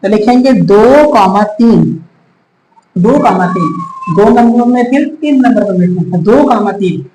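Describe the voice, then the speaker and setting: A man's voice: sits high, animated, measured pace, dark tone, a little hiss or hum. A male chemistry teacher giving a whiteboard lesson, patiently repeating steps, counting aloud and addressing his students as children. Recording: echoey room, faint ambience.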